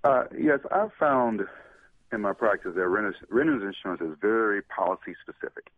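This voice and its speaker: A man, a consumer protection attorney, speaking over the phone as a radio talk show guest and giving measured, deliberate legal explanations. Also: lowish voice, animated, no echo. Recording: tinny phone line.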